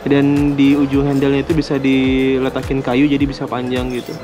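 Relaxed man reviewing camping gear, flat delivery. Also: mid-range voice, moderate pace. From Indonesia. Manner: relaxed, hesitant, with fillers and small laughs. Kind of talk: casual unboxing review. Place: indoors at a wooden table. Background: music.

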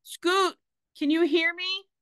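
A woman reading aloud, voicing an older brother who shouts urgent instructions to his trapped sister. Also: fairly high pitch, unhurried, no echo, voice pushed up. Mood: frantic.

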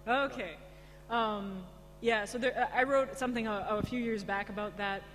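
A woman's voice: on the high side, normal speed, a bit bright. A woman speaking informally on a conference panel in a large, echoing room, answering questions conversationally. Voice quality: echoey. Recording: echoey hall, humming background noise.

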